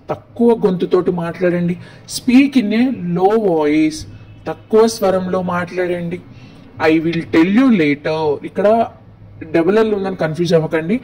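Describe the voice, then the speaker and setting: A man with a Telugu accent teaching spoken English, saying each phrase slowly and clearly, then explaining quickly in Telugu. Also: high-pitched, darkish tone, low-quality recording. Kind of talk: language lesson, slow model phrases with translations.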